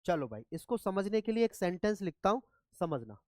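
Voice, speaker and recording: Brisk and sing-song, a man's high voice delivers a classroom lecture on English grammar in a dry recording. He repeatedly asks the students if they're following along.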